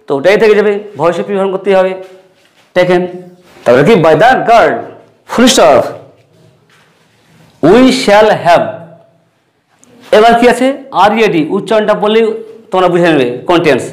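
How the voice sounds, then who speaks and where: A high-pitched man with a Bengali accent teaches an English grammar lesson. He asks a question, answers it himself, and repeats the key terms to drive them home. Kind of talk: classroom-style lesson.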